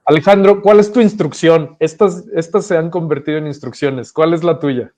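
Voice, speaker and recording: A man's voice: on the high side, normal speed, a little mellow. A man moderating an online panel. He agrees with the last speaker and hands over to the next, with small restarts as he talks.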